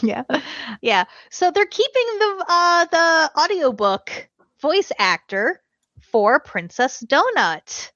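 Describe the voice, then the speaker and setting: A woman's voice: high-pitched, sing-song, slow pace, a bit bright, no room sound, highs cut off. A woman chatting casually as a podcast guest, laughing often as she talks. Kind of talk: casual chat.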